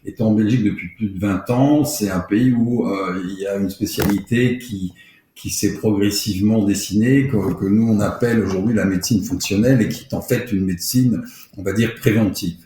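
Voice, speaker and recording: A man's voice: on the low side, normal speed, mellow, heavy reverb, a little hiss or hum, rough recording. A man from France, a doctor, explaining his work in an interview, with many fillers and restarts. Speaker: doctor, podcast guest.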